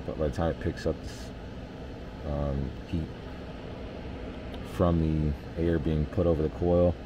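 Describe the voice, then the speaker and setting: Deep-voiced man explaining HVAC readings. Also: noisy background. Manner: relaxed, explanatory, many fillers. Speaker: HVAC technician. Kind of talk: hands-on technical demonstration. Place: indoor basement furnace area.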